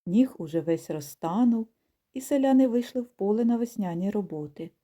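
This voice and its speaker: A woman reading a children's storybook aloud in a calm, measured, gently expressive way. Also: mid-range voice. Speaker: audiobook reader. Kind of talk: storybook narration.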